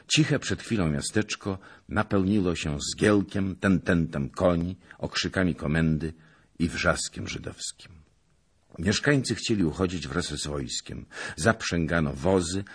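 Male audiobook narrator, extremely low, husky voice, unhurried delivery. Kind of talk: audiobook reading of a historical novel.

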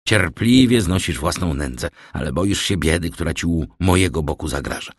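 A man's voice: rumbling low, animated, normal speed, no echo, studio quality. A man voicing a jealous young soldier who pleads with the woman he loves and turns bitter. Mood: pleading.

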